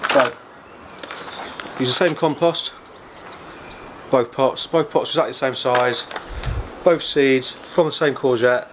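A man's voice: medium pitch, slow pace, long pauses, reverberant, background noise. A man, explaining a gardening experiment step by step in a matter-of-fact way. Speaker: gardening vlogger. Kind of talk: casual how-to explanation. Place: small room indoors, then back garden.

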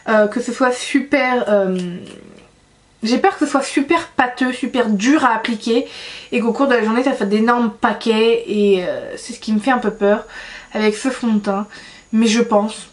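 A woman's voice: a little high, fairly even intonation, normal speed. A young woman talking casually as a beauty vlogger, chatty and self-mocking, with many fillers. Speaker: beauty YouTuber. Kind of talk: casual vlog chat.

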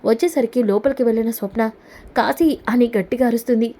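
A woman's voice: fairly high pitch, brisk, darkish tone. A woman retelling a TV serial episode in a plain, flowing narration. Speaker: storyteller recapping a TV serial. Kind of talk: casual story narration.

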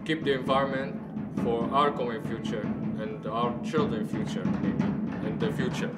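A man's voice: mid-range voice, fairly even intonation, moderate pace. A young man giving a hesitant, tentative interview answer. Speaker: exchange participant. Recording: distant echoey mic, music behind.

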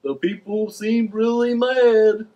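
A man gives voice to Fred, the curious, mellow, simple talking fish in a children's puppet show, drawling slowly. He speaks high-pitched in a level tone, and the sound is lo-fi.

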